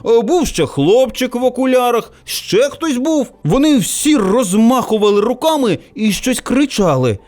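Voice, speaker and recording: High-voiced, animated male storyteller. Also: measured pace, few pauses. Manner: animated, expressive reading. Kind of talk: children's audiobook narration.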